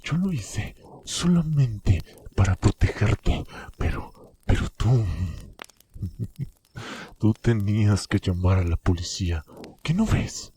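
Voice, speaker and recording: A bitter, delirious young man, acted by a male storyteller in a horror tale. He speaks very slowly and low, halting and repeating accusations, slipping into harsh whispers over a noisy recording. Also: animated, mellow. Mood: bitter, accusing.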